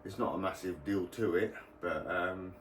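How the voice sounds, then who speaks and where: Deep yet fairly bright in tone, the voice of this British hobby-channel host moves at normal speed. His explainer is relaxed and rambling, captured on a distant mic in a roomy space with a little background noise.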